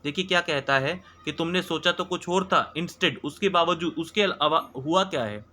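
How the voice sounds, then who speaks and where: A man teaching a textbook chapter. He reads English lines slowly, then explains each one at length and checks in often with filler words. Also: fairly high pitch, bright, forceful tone.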